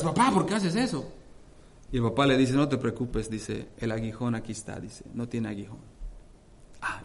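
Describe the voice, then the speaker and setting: A male pastor preaching a sermon with fervent energy, reading scripture aloud and often addressing the congregation as brothers. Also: darkish tone. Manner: reads scripture aloud with dramatic rises in pitch and force.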